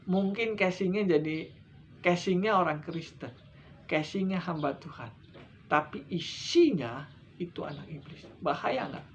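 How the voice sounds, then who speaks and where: A middle-aged male evangelist delivering a sermon, pushing his voice up loud for emphasis and then sinking to low, hushed endings. The recording sounds a little dull and lo-fi, with a faint hiss behind him. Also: expressive, unhurried. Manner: emphatic, rising and dropping sharply for stress. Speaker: evangelist preacher.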